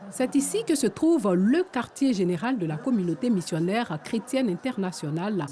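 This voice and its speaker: Female reporter, Ivorian French accent, dark mellow tone, formal narration. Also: mid-range voice, lively intonation, normal speed. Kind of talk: news report voice-over.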